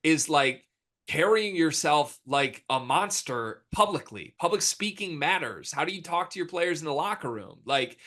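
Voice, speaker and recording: Emphatic American man talking sports, slightly high voice. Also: lively intonation, normal speed, pushed and bright. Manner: emphatic, informal slang with hyperbole. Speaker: sports podcast host. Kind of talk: casual sports talk and banter.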